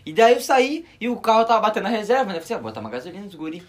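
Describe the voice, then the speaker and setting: A young guy from Rio Grande do Sul, with that southern Brazilian accent, co-hosts a podcast and tells a story in lively, slang-filled casual talk. His voice is high and his delivery rapid-fire.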